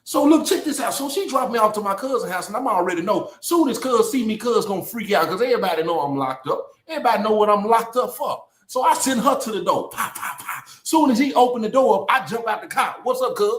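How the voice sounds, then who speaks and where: A man telling a comedic story in an animated way, with loud bursts and playful repeated phrases. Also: high voice, fast, hardly any pauses. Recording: roomy echo.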